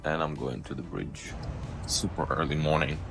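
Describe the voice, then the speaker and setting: A man's voice: rumbling low, steady tone, moderate pace, gravelly, over music, rough recording. A man chatting casually as he vlogs his working day as an assistant cruise director. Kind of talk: casual vlog chat.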